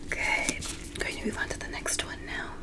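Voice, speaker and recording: A woman voices a gentle, curious alien doctor for a sci-fi ASMR medical roleplay, whispering at a moderate pace. Lightly acted, she sounds soothing, polite, and encouraging, with a calm, attentive mood.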